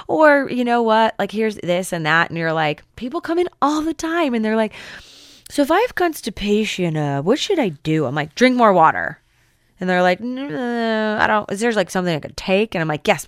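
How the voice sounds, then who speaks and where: A woman health practitioner holds a casual health talk, her voice sitting a little low for a woman. She keeps jumping up in pitch to act out patients and friends. The sound is dry and close. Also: dry recording. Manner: animated, acts out patients' voices.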